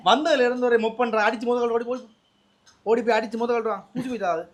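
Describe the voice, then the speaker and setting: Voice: medium pitch, fairly even intonation, very fast. A presenter with a Sri Lankan Tamil accent, delivering a surprise gift and chatting in a playful, teasing way. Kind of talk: casual on-camera banter.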